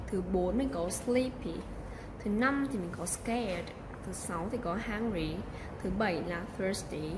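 Woman English teacher, patient, repeats phrases, mid-pitched, background hiss. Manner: patient, repeats model phrases, frequent "right?" checks. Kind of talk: teaching a recorded lesson.

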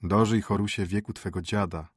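A man doing a steady, dutiful royal chancellor. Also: fairly low pitch, normal speed, breathy edge, no echo, studio quality.

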